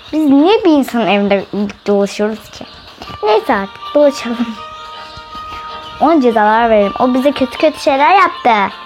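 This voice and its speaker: Female let's-play host, high and bright-pitched, excitable and chatty, game music playing behind her. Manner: excitable, often shrieks and laughs while playing; chatty, keeps addressing viewers directly. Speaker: gaming channel host.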